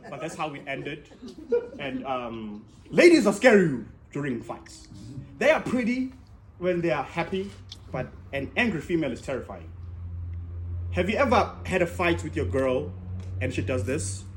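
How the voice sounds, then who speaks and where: A man doing stand-up comedy at a convention stage, teasing the audience in an animated, jokey way. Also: on the high side, normal speed. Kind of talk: stand-up comedy with crowd work. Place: convention stage with a laughing crowd. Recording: crowd noise, roomy hall.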